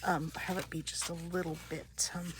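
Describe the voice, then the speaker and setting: A woman with a froggy, hoarse voice, quietly talking through a paper crafting tutorial in a half-whisper while she works. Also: fairly low pitch, flat delivery, moderate pace, background noise. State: clearing throat, hiccups. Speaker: paper craft video creator. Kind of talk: soft-spoken crafting tutorial.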